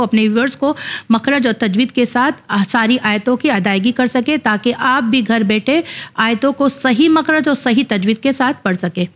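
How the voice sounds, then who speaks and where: A woman teaching a Quran reading lesson. She spells out each letter and vowel, then blends them into slow, drawn-out recitation. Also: high voice.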